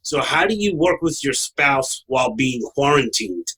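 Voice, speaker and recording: A man's voice: mid-range voice, animated, moderate pace, bright, forceful tone, slightly rough, rough recording. A man with a Brooklyn accent hosting a casual conversational interview. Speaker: show host.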